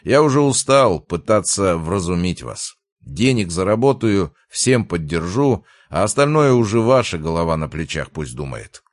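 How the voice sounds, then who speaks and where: A man reading the lines of a gruff, exasperated middle-aged father in an audiobook, loud and grumbling. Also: sits low, sing-song, moderate pace, no echo, studio quality.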